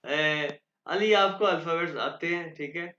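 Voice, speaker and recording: A man teaching a German class online, patiently repeating words slowly for pronunciation. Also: a little high, crowd noise. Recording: echoey lo-fi online class audio.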